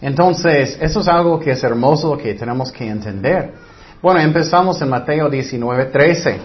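A man teaching a Bible sermon in an animated storytelling way, acting out voices as he tells it. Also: mid-range voice, moderate pace. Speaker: preacher. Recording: dull lo-fi recording.

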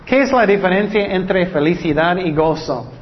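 A man preaching a sermon, repeating key words for emphasis and reading scripture slowly and deliberately. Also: high voice, lively intonation, big-room sound. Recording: dull lo-fi recording.

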